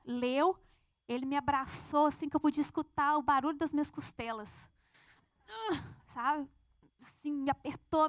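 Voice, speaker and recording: A woman's voice: high-pitched, fairly bright tone, no room sound, studio quality. A woman telling a testimony in church, earnestly acting out her prayers. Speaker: church member giving a testimony. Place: church sanctuary.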